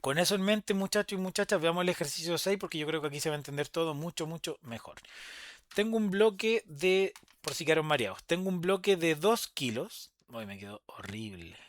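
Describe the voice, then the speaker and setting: A man's voice: fairly high pitch, no echo. Chilean male physics teacher, dry close sound. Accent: Chilean Spanish. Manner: lively, chatty teacher talk with quick asides. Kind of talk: recorded online class lecture.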